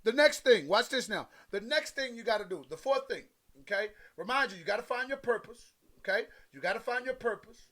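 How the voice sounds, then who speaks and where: Very high-voiced man preaching emphatically. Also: bright, forceful tone. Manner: emphatic, repetitive preaching with direct address to listeners; conversational, folksy phrasing. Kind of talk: motivational sermon.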